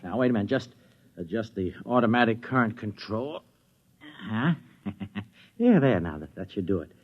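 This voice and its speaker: An actor playing a flustered, wavering husband and keen tinkerer in a 1950s radio drama, stammering and blustery, on a muffled old recording. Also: male voice, on the low side, very animated, moderate pace. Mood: eager, excited.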